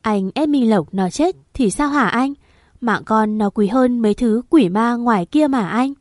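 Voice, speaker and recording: A woman's voice: on the high side, lively intonation, measured pace, no echo, studio quality. A woman voicing an earnest, pleading aunt.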